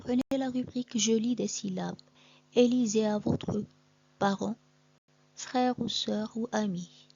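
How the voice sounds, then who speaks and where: A woman leads an early reading lesson, spelling each letter and then the syllable in a slow, deliberate way. Her voice is mellow and warm, recorded dry and a little dull. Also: on the high side, steady tone, creaky, husky, no room sound. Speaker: reading teacher.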